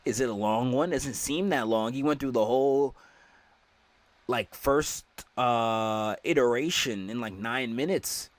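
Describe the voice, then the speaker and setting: A man's voice: mid-range voice, sharp tone, no echo. A man streaming a casual reaction to a video, slangy and incredulous.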